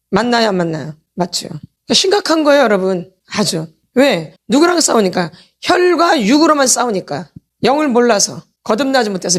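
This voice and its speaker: A woman pastor preaching a sermon, quoting scripture slowly and asking her listeners questions again and again. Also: a little high. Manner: asks the congregation constant questions. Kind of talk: sermon teaching. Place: church meeting hall.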